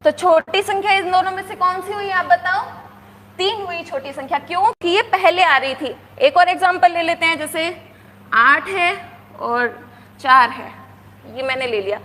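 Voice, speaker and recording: A woman teaching counting to young children in a coaxing way, asking if they follow and counting aloud slowly. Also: very high voice, pushed and bright, long reverb tail, a little hiss or hum. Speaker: primary school teacher. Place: classroom with a board.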